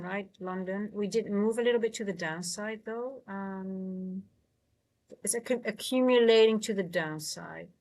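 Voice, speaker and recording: Hosting a live trading stream, this futures trader and coach chats casually with her viewers, thinking out loud in a tentative way and frequently leaving sentences unfinished. Her voice is medium-pitched and a little mellow.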